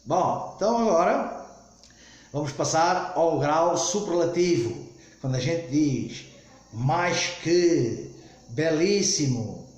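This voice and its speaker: A man teaches an English grammar lesson, speaking slowly and repeating key points with frequent "ok?" checks. His voice sits a little high and moves through a lively pitch range. The recording has a roomy echo. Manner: slow, repetitive explaining, frequent "ok?" checks.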